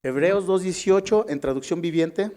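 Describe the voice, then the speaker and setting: A man's voice: high voice, moderate pace, warm tone. A man with a Mexican Spanish accent preaching a sermon, reading scripture aloud and calling his listeners brothers.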